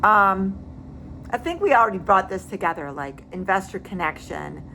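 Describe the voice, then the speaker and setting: A woman's voice: mid-range voice, expressive, normal speed, bright, forceful tone, a little hiss or hum. A woman real estate agent giving casual advice, emphatic and repeating words for stress.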